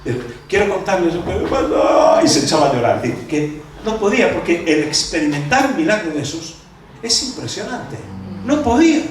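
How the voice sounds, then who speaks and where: Animated older pastor in an echoey hall. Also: male voice, on the high side, normal speed, slight background noise. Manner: animated storytelling, acting out quoted voices. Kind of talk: sermon. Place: church hall. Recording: echoey church from far off.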